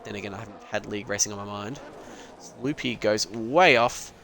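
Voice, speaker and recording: A man's voice: lowish voice, brisk, pushed and bright, slight background noise. A young man giving loose, rambling live commentary on an online sim race, joking and swearing as he goes. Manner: casual, rambling, swears and laughs.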